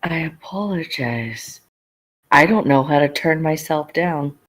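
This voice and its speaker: A man's voice: a little high, expressive, a little slow, fairly bright tone. A man chatting casually and jokingly as a second voice on a talk show. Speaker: co-host or guest. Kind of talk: casual chat.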